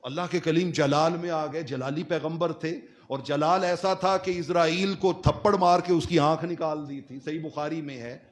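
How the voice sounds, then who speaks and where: High-voiced man preaching dramatically. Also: steady tone, few pauses. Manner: dramatic preaching with sudden swings between loud and soft; rhetorical questions answered himself. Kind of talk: sermon.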